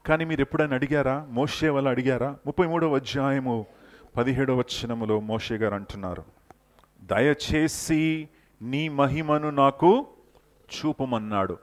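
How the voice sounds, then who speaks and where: A male pastor with a Telugu accent delivers an emphatic sermon in a church. His mid-pitched voice swings up for rhetorical questions and drops low for quieter points. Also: unhurried.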